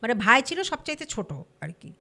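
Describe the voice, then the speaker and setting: Animated high-voiced woman storyteller. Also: a little fast. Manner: lively, acts out quoted voices. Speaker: storyteller guest. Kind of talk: casual storytelling.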